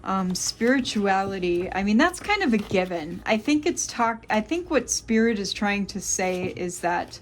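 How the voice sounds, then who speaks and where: A woman's voice: medium pitch, very animated, moderate pace, hardly any pauses. A woman giving a tarot reading to her viewers, exasperated, muttering and swearing between cards. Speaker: tarot reader.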